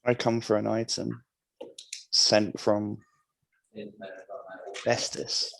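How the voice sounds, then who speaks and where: Slow, gravelly-voiced man player. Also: fairly low pitch, monotone, a bit bright, low-quality recording. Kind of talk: tabletop game play.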